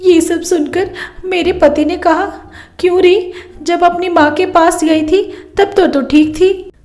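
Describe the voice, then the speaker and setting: A woman voicing a spoiled young married daughter in a cartoon story, with a high, pleading voice. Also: expressive, moderate pace. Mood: tearful.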